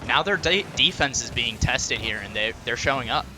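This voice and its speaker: A man giving esports color commentary, relaxed analysis with plenty of ums and uhs. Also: mid-range voice, moderate pace, background noise. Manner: relaxed analysis with many fillers.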